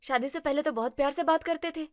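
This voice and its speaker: A woman's voice: high voice, dry recording, clean studio sound, lightly acted. Pouty young vlogger wife, played by a woman. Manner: pouting, quick to take offense. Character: young newlywed wife, touchy social media vlogger. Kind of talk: family drama acting.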